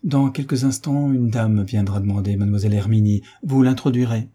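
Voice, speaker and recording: A man's voice: fairly low pitch, brisk, dark tone, slightly rough. A man voicing an older hunchbacked marquis in an audiobook reading, earnest and urging. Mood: urgent.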